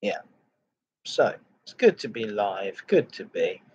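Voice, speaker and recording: A man hosting a casual livestream chat, greeting viewers in a halting, repetitive way. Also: fairly low pitch, sing-song, breathy edge. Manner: halting, repeats phrases. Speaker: live streamer, host of a chat and ASMR stream. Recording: dull lo-fi microphone sound.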